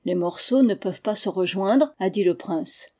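A woman reading a literary memoir aloud in a measured, expressive audiobook narration. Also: mid-range voice. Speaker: audiobook reader.

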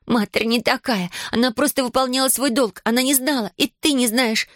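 A woman voicing a fiery, defiant young girl who shouts in a high, indignant voice. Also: moderate pace, no echo, clean studio sound, lightly acted. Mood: furious.

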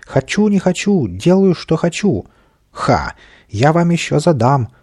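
A man's voice: medium pitch, big pitch swings, moderate pace, warm tone, breathy edge. A man voicing a tiny, scruffy, boastful and cowardly male creature in a storybook reading, with a bratty, whining manner. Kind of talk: storybook character voice.

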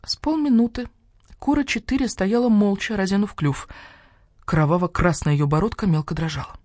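A woman narrating a children's audiobook with a lively, expressive reading. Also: medium pitch, moderate pace, no room sound, studio quality.

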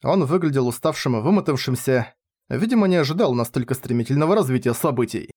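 A man narrating a story in an even audiobook storytelling manner. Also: medium pitch, fast.

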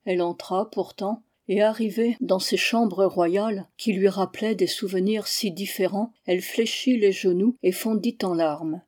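A woman narrating a history book aloud in a measured, expressive reading voice. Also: mid-range voice. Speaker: audiobook reader.

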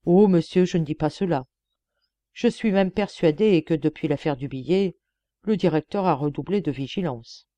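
A woman's voice: sits low, moderate pace, mellow, no room sound, lightly acted. A woman voicing a shrewd, earnest young male police detective in a storybook reading, persuasive and emphatic.

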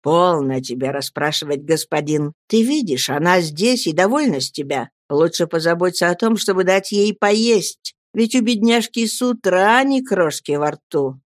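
A woman's voice: fairly low pitch, expressive, moderate pace, few pauses, no echo, studio quality, close to an everyday voice. A woman reading a stern old servant woman. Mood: firm. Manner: firm, practical tone. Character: older female servant, stern and caring.

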